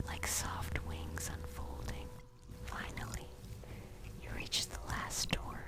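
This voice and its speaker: A narrator whispering a scripted ASMR bedtime story in a hushed, soothing, unvoiced way, addressing the listener directly. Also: rumbling low, poor audio. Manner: slow, hushed, soothing second-person storytelling. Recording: clear music bed under whisper. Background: music.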